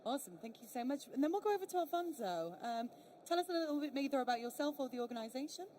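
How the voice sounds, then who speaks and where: A woman's voice: high-pitched, lively intonation, rapid-fire, mellow, slight background noise. A woman moderating a conference panel in a chatty way, with frequent fillers. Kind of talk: conversational moderating.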